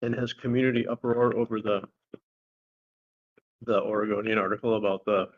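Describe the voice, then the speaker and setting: A man's voice: on the low side, fairly even intonation, brisk, narrow, tinny audio. A man, a board member, making friendly small talk and asking the people around the table questions. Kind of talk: casual chat before a meeting. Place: meeting room.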